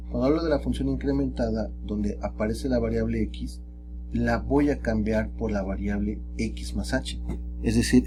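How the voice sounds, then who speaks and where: A man teaching calculus in a relaxed, chatty way, often tagging his sentences with rhetorical questions. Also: fairly low pitch. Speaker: math teacher. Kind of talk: recorded screen lesson.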